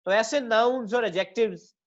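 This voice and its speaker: A male English teacher explaining word stress, saying each example word again and again, slowly drawing out the stressed syllables, and calling his listeners children. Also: very high voice, lo-fi sound. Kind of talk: classroom-style lesson.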